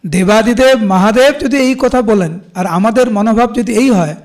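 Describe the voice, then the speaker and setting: A middle-aged man with a Bengali accent giving a devotional scripture class, explaining with everyday examples and slowing down to recite verses. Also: high voice. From India. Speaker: preacher.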